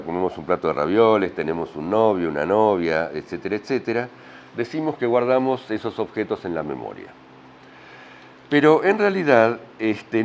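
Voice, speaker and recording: An older man with an Argentine accent lectures in a fairly low voice, walking his class through the ideas and checking in with them often. The recording is dull and lo-fi, with a faint hiss underneath. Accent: Argentine Spanish. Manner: explanatory, checks understanding with frequent tag questions. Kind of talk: university lecture.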